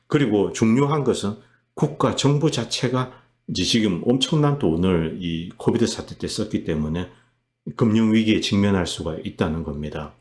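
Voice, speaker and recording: Guy hosting his own commentary show, really deep voice, punchy and emphatic. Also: a little mellow. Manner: emphatic, reenacts quotes in a heated voice. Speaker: commentary channel host. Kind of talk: political commentary monologue.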